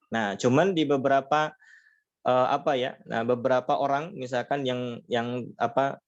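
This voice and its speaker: Man, patient online recitation teacher, models sounds slowly, slightly dull lo-fi audio. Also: mid-range voice. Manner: patient explaining, frequent fillers, demonstrates sounds slowly. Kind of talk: online lesson.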